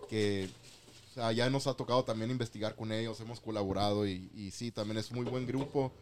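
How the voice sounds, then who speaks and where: A man's voice: fairly low pitch, steady tone, brisk, a little hiss or hum. Man hosting a casual bilingual chat. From Mexico. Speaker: host. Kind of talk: bilingual casual interview, switching between Spanish and English.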